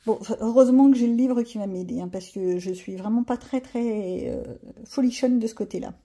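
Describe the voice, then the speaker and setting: A woman's voice: a little high, moderate pace, dark tone, slightly rough. A woman chatting casually to her viewers while she colors, thinking aloud and joking about herself. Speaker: coloring vlogger.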